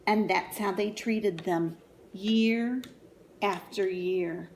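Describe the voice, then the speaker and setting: Reading very slowly in a medium-pitched, slightly mellow voice, this woman, a teacher, shares a picture book with children, full of expression and chatty asides to her young audience. A little hiss or hum can be heard.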